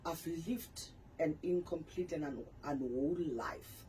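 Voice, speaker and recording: A woman's voice: sits low, unhurried, dark tone, slight background noise, rough recording. A woman in her forties, a pastor and author, candidly telling her personal story in a radio interview. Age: 40s.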